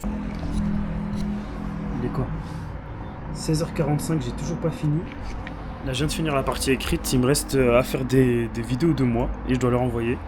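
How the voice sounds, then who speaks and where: A young man with a hoarse voice, chatting casually in a vlog and laughing often. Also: medium pitch, steady tone, moderate pace, pauses often, music in the background. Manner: laughs often, mixes French and English. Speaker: vlogger. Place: small room indoors.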